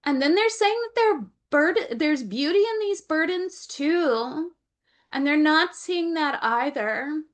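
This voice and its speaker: A woman's voice: high-pitched, lively intonation, takes it slowly. A woman giving a channeled Akashic Records reading over a video call. She relays what her guides say, often repeats phrases and stops to ask them questions.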